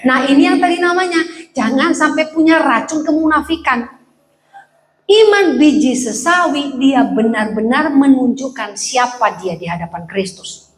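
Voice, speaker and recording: A woman's voice: high-pitched, a little slow. A woman pastor preaching a sermon in a church, joking and acting out voices in her stories. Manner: lively, joking, acts out quoted speech. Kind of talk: sermon with anecdotes. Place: church hall. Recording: echoey church hall.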